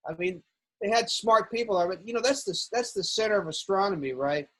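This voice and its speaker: A man's voice: high voice, animated, fairly quick, sharp tone. A man talking casually on a video call that breaks up, rambling and restarting his words as a club board member. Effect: on a video call, audio breaking up. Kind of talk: casual chat on a live club session.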